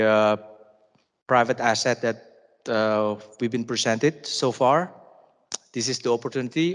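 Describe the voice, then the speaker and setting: A man moderating a business forum panel, halting with many fillers. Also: mid-range voice. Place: conference hall. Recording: reverberant conference hall.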